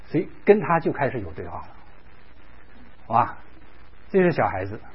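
A man's voice: medium pitch, very animated, normal speed, breathy edge. A man preaching a sermon, telling a story with animation, acting out quoted voices, and dropping in English words. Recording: dull lo-fi recording.

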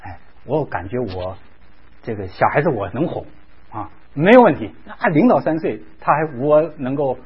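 A man's voice: medium pitch, sing-song, normal speed, breathy edge. A man preaching a sermon, telling a story with animation, acting out quoted voices, and dropping in English words. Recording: dull lo-fi recording.

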